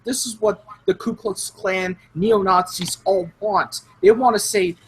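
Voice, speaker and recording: A man's voice: high voice, fairly even intonation, unhurried, slight background noise, low-quality recording. A man co-hosting a casual live-streamed talk show, speaking emphatically and repeating phrases as he builds his point. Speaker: podcast co-host. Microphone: headphones and computer mic.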